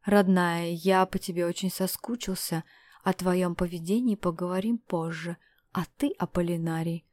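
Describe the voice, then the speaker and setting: A woman's voice: lowish voice, fairly even intonation, moderate pace, a little mellow, lightly acted. A woman voicing a stern young male prince with a firm, harsh and possessive manner.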